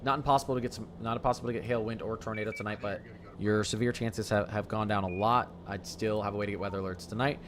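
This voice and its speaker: Low-voiced man giving live weather commentary. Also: fairly even intonation, fast talker, noisy background. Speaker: live severe weather stream host.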